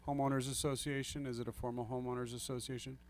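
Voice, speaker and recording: A man's voice: medium pitch, flat delivery, fast talker, slight background noise. A man on a planning commission, talking earnestly at a public meeting, apologizing and thinking aloud with restarts into a table microphone he sometimes drifts away from. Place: council meeting room. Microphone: table microphone, sometimes off-axis.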